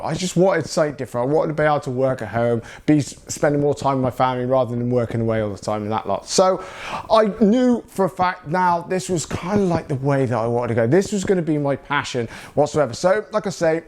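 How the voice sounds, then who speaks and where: Talking to camera in a loose, rambling way, this South England man works as a YouTuber and videographer. His voice is a little high with a darkish tone, and he leans on fillers such as "you know" and "that lot."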